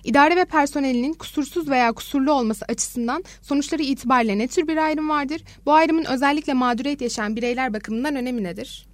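Fast, high-voiced woman host reading questions. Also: no room sound. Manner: formal and polite. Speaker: student radio show host.

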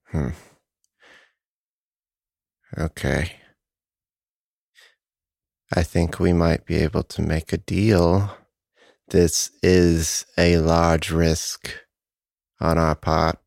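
A man's voice: low-pitched, level tone, extremely slow, creaky, long pauses, darkish tone, no echo, studio quality. A man playing a tabletop role-playing game, improvising casually and thinking aloud in a hesitant, deliberating way.

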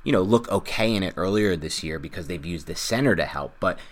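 On his football podcast, the host talks in a loose, chatty style packed with asides. His low-pitched voice is expressive and his pace brisk.

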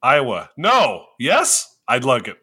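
A man hosting a casual chat among friends, excitable and easily amused. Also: medium pitch, takes it slowly, breathy edge. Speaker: podcast host.

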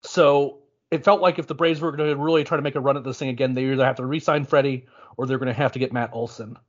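A man's voice: medium pitch, steady tone, quick pace. Muffled podcast co-host, man. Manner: conversational, restarts often, thinks aloud. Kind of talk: casual sports podcast talk.

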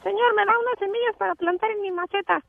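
A man's voice: extremely high pitch, fast, vocal fry, dry recording, soft background music. Tinny phone-line man telling jokes. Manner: animated joke telling, switching voices. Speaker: show regular calling in. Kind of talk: telling a joke over the phone. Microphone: telephone.

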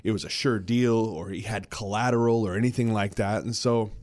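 A man's voice: on the low side, fairly even intonation, brisk, darkish tone. A man, an elder law attorney hosting a radio show, giving advice in an easygoing, talk-it-through way. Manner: easygoing, explains by talking it through, many "you know" and "right?".

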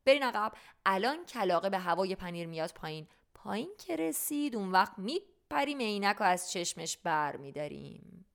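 A woman's voice: medium pitch, big pitch swings, vocal fry, hardly any pauses. A woman voicing a sly, scheming male dairy shopkeeper in a storybook reading, coaxing and crafty.

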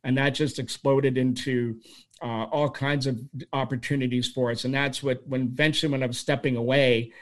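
Older guest from Toronto, sixties, chatty rambler full of restarts, mid-range voice. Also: male voice, medium pitch, normal speed. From Toronto, Canada. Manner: rambling, animated storyteller with frequent restarts. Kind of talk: storytelling interview answers.

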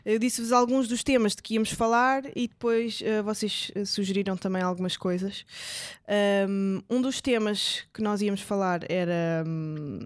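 A woman's voice: mid-range voice, steady tone, normal speed, no room sound. A hungover young woman with a European Portuguese accent, co-hosting a casual podcast in a slangy, informal way. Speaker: podcast co-host.

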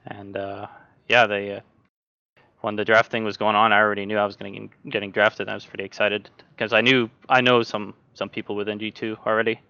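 A man's voice: fairly low pitch, smooth, dry recording, lo-fi sound. A young man from Norway, a sim racing driver, talking casually as a podcast guest with lots of fillers and restarts. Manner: relaxed, halting, many fillers and restarts.

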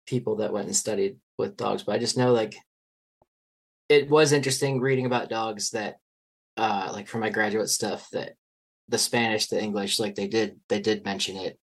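Male podcast guest, husky breathy tone, loose rambling delivery with lots of fillers. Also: lowish voice, fairly quick, rough recording. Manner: rambling, filler-heavy, trails off softly. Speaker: guest anthropologist. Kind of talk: casual podcast conversation.

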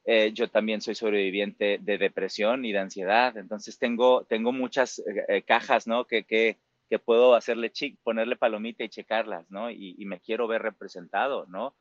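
A man's voice: on the low side, steady tone, moderate pace, few pauses, no echo, dull audio. A Mexican man in his forties with a Mexican Spanish accent, a musical theater performer talking reflectively in an interview, full of fillers and tag questions. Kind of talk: casual interview talk.

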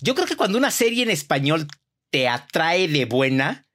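Woman chatting about new shows, super animated voice, leans hard on words. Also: deep voice, moderate pace. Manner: lively, emphatic. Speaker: entertainment reporter. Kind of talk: casual chat.

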